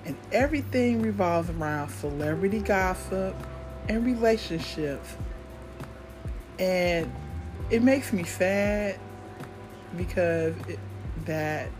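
A middle-aged American woman giving a casual, rambling solo podcast monologue in a blunt, cynical, freely swearing manner. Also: on the low side. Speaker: podcast host.

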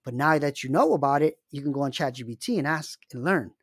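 A man's voice: fairly high pitch, lively intonation, fast, no echo. Emphatic man talking money, dry sound. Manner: emphatic and conversational, with frequent asides to the listener. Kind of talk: casual monologue with storytelling.

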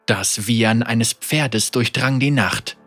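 Man narrating a dark fantasy story. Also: medium pitch, slow pace, no room sound, faint music behind. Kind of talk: dramatic audiobook narration.

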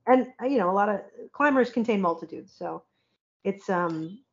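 A woman's voice: mid-range voice, lively intonation, moderate pace, vocal fry. A woman chats casually on a podcast, rambling through her thoughts with plenty of fillers. She laughs often mid-sentence. The recording sounds somewhat dull and lo-fi. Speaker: podcast guest. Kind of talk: casual chat.

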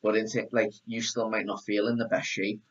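A man hosting a casual podcast as a personal trainer, relaxed and repeating his words. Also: fairly low pitch, fairly quick, husky. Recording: dull lo-fi audio.

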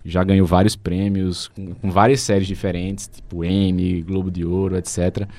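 A man's voice: low-pitched, little pitch movement, moderate pace, darkish tone. A Brazilian man with a Brazilian Portuguese accent, co-hosting a casual chat and recommending a series, often restarting his sentences. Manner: hesitant, frequent restarts and fillers. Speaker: show co-host recommending series.

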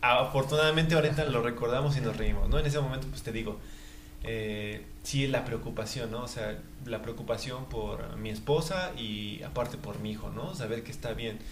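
A young man, chatting as a guest in an interview, halting with many fillers and breaking into laughs. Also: mid-range voice, reverberant, a little hiss or hum. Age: young adult. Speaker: guest, new father. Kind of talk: casual interview chat.

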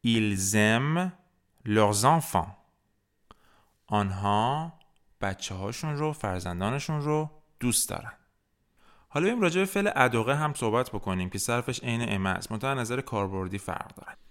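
A man whose first language is Persian teaches French in a podcast lesson, patiently walking through grammar step by step and modeling words for listeners to repeat. His voice is medium-pitched, expressive and a little bright.

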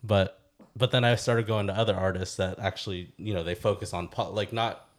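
A low-pitched man co-hosts a casual podcast. He explains things at length in an easygoing way and slips in dry jokes. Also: steady tone, brisk. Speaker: podcast co-host. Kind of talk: casual chat.

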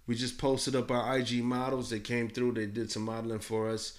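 A man's voice: mid-range voice, level tone, brisk. A man hosting a podcast in casual banter, with slangy, profane bro talk. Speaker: podcast host.

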